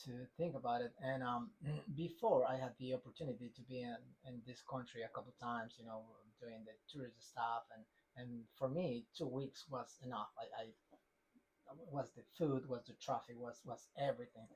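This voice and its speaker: A man from Ecuador with an Ecuadorian Spanish accent, co-hosting a podcast in halting, unhurried casual chat. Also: mid-range voice, fairly even intonation, a little mellow, husky, low-quality recording. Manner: halting, many fillers and restarts, non-native phrasing. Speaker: podcast co-host.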